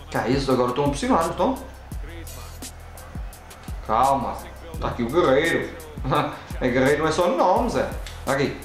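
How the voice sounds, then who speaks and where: A man with a European Portuguese accent, playing a football video game and reacting loudly to each play as he talks at it. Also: mid-range voice, echoey room, rough recording. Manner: excitable, talks at the game and the referee, frequent exclamations. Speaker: gaming channel host.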